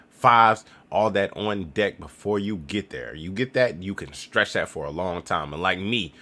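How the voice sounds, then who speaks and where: Animated slangy young man vlogging. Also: sits low. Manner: slangy, animated, acts out other people's lines. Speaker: travel vlogger. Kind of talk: casual tips vlog.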